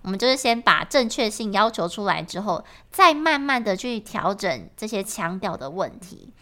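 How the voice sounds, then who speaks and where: A woman's voice: mid-range voice, sing-song, moderate pace, pushed and bright. A woman with a Taiwanese Mandarin accent, an English teacher explaining patiently in a podcast lesson.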